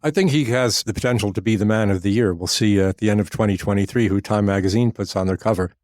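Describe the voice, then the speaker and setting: A man co-hosting a political podcast, talking in a measured way with frequent pauses. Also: lowish voice, a little mellow, dry recording, clean studio sound. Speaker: podcast co-host.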